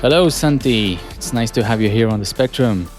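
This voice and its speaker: A man hosting a podcast interview, asking measured follow-up questions with small restarts. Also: mid-range voice, over music. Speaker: podcast host.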